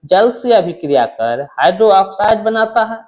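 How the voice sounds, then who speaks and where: A man's voice: sits high, expressive, normal speed, darkish tone. A male teacher giving an exam-prep chemistry lesson, asking questions and answering them himself.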